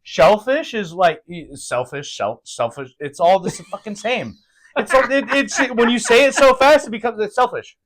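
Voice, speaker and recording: Brief: man, slightly high voice, loose profane banter, quick to laugh, podcast co-host. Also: lively intonation, fairly bright tone. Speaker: guest co-host. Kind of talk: casual podcast chat.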